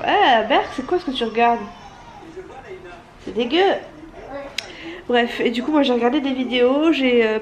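Her nose stuffy from a cold, a thirty-something family vlogger rambles to a handheld camera in her apartment, restarting often and leaning on fillers. The voice is on the high side, and the recording quality is low.

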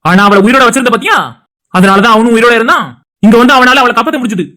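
A man's voice: very high voice, racing, sharp tone. A performer voicing an angry young man defending his family in a cartoon, confronting and accusing. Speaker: brother. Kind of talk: animated cartoon voice acting.

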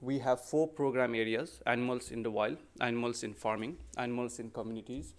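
A middle-aged Nepali man with a mid-range voice speaks a little fast from a podium in a conference hall. Presenting a talk with slides, he is polite but peppers his speech with ums and restarts.

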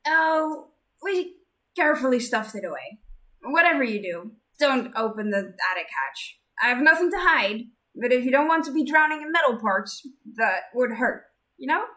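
A woman voicing a cheerful, bubbly young female tinkerer who talks loudly and eagerly. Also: high voice, animated, normal speed, voice pushed up. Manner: bright and loud, eager.

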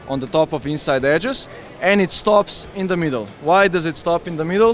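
Eager man pitching skis at a trade fair. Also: a little hiss or hum. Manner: enthusiastic, explains with hand gestures. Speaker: ski brand representative. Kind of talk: trade fair product interview. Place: busy indoor trade fair hall. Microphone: handheld interviewer mic with windscreen.

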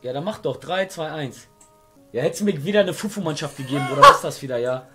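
A young man streaming a football video game, teasing his friend and often shouting at the match. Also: on the high side, expressive, quick pace, soft background music. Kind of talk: casual gaming stream banter.

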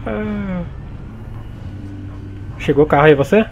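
Fast-talking Brazilian man, highish voice. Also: expressive, slight background noise. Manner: slangy, swears casually. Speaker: player in an online roleplay game. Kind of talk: casual gamer chat.

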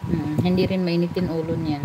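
A woman's voice: fairly low pitch, normal speed, highs cut off. A woman chatting casually on her livestream and acting out her arguments with a lot of laughter. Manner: animated storytelling, acts out quoted arguments, laughs often. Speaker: vlogger on a livestream. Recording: loud background noise with vehicle sounds.

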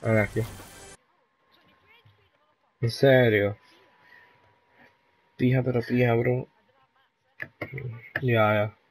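A man casually chatting and joking with teammates while gaming, firing off quick callouts and slipping into Spanish slang. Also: mid-range voice, little pitch movement, a little hiss or hum. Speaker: gamer streaming his play.

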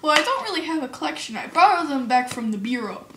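A woman playing a blunt, deadpan female detective being interviewed in an amateur role-play. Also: sits high, exaggerated voice. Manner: blunt, deadpan, quick comebacks. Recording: roomy home recording with noise.

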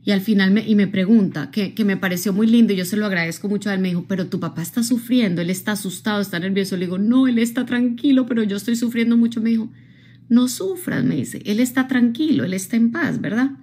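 Expressive woman speaking to viewers live. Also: medium pitch, fast talker, breathy edge. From Colombia. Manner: expressive, addresses viewers directly, frequent tag questions. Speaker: motivational speaker. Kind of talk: live-streamed talk.

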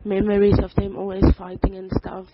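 A person recording a voice note on a phone, praying and then telling their life story in an earnest, halting way with pauses and fillers. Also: mid-range voice, completely flat delivery. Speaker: person giving a testimony. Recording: slightly dull voice note with faint background noise.

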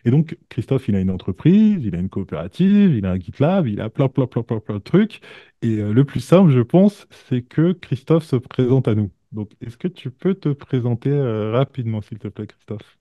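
A man's voice: mid-range voice, animated, normal speed, no echo, narrow, tinny audio. A man hosting a podcast in casual chat, hesitant, with many fillers and repeated words. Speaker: podcast host.

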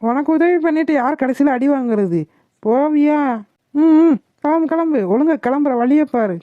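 A woman voicing a bossy, sharp-tongued girl in a cartoon, scolding and sarcastic. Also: sits high, normal speed, lightly acted. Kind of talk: cartoon voice acting. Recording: tinny phone-like, dry.

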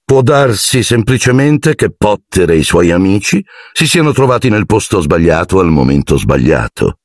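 A man's voice: low voice, very animated, normal speed, no echo, clean studio sound, voice pushed up. A man voicing Piton, a cold, sneering male teacher who picks at the boys' story with suspicion.

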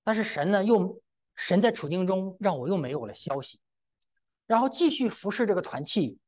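A middle-aged male preacher giving a testimony-filled sermon, his voice rising and falling with lively, expressive intonation. He keeps breaking in with exclamations and turns to speak straight to the congregation. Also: high-pitched, normal speed. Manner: exclamatory, often breaks in with "wa", addresses the congregation directly.

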